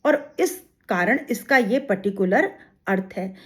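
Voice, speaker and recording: A woman's voice: medium pitch, animated, a little slow. A woman teaching an exam-prep grammar lesson. She explains step by step, asking rhetorical questions and giving examples.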